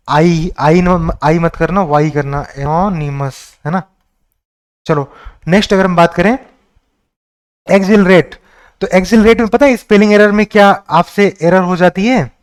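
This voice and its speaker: A male English teacher from India giving an exam-prep lesson and patiently spelling words letter by letter. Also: high-pitched.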